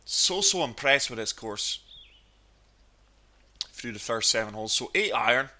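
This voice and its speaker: Sniffly from a cold, a man who hosts a gaming channel provides eager commentary on a golf game. He has a mid-range, animated voice with a sharp tone, and he keeps a measured pace.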